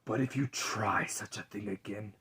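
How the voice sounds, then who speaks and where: A hushed, menacing spirit of Death, acted out by a man for a storybook tale. The voice is low and breathy, often sinking to a husky whisper. It speaks slowly and deliberately, stern and ominous as a grim godfather. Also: steady tone, exaggerated voice. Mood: cold menace. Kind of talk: dramatic fairy tale reading.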